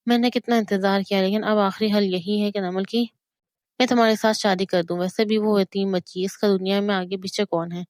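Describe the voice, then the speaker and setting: A woman's voice: mid-range voice, steady tone, fairly quick, a little mellow, no echo, studio quality, lightly acted. A woman voicing a stern elderly male family patriarch in an audio novel, firm and coaxing.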